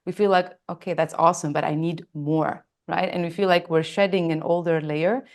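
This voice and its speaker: Her pitch sits fairly low and her tone stays steady and a little mellow, at a normal speed. She is from Lebanon, born in Australia, and in her thirties or forties. Speaking as an interviewee, she recounts her life with earnest emphasis in a reflective way.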